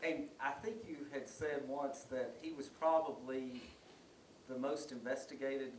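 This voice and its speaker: A man interviewing, asking brief, quiet prompting questions. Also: medium pitch, fairly even intonation, unhurried. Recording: distant, echoey room with faint noise.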